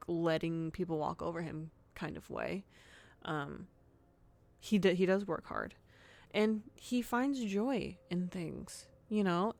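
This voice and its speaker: A woman's voice: medium pitch, no echo. A woman hosting her own podcast in a casual solo chat, frank and giggly with lots of fillers. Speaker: podcast host.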